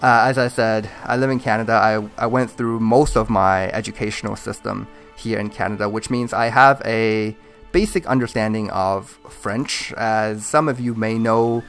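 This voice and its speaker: A man's voice: lowish voice, normal speed, a bit bright, soft background music. A man hosting a gaming video, chatting in a rambling, friendly way with lots of fillers and chuckles. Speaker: gaming channel host. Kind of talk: casual chat over gameplay.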